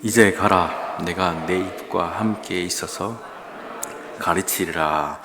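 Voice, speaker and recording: A man's voice: low voice, slow pace, background noise. A male pastor preaching an early-morning sermon in a church, acting out dialogues in a raised, dramatic voice. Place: church sanctuary. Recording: long hall reverb.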